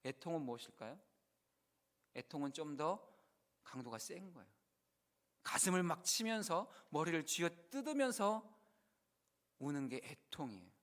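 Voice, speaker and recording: A man's voice: a little high, very animated, normal speed, pauses often. Earnest preaching man, raised voice. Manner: earnest preaching, swings between loud emphasis and hushed quoted prayers. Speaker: pastor. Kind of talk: sermon.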